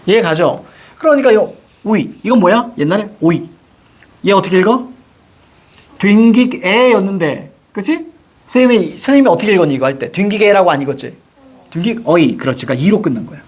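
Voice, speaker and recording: Animated husky male Korean teacher. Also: high-pitched, brisk. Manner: animated, asks the class questions constantly. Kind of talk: classroom lecture.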